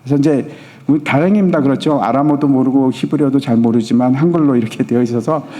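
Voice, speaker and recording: A man's voice: mid-range voice, fast, warm tone. A male pastor preaching a sermon, retelling a story and asking his congregation questions. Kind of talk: sermon at a Friday prayer meeting. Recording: long church hall reverb.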